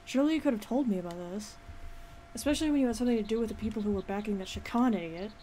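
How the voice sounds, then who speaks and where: A woman's voice: a little high, very fast, mellow, a little hiss or hum, natural voice. A woman voicing a brash young male video game hero, blunt and informal as they read the dialogue aloud. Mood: questioning, indignant.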